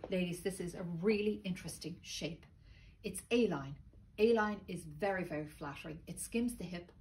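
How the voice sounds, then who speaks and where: A woman's voice: lowish voice, normal speed. A middle-aged woman with a slightly thick, sore-throat voice, giving a casual sales presentation to camera. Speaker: boutique presenter. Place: small clothing boutique, indoors. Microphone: phone camera a few metres away. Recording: steady background shop noise, phone video.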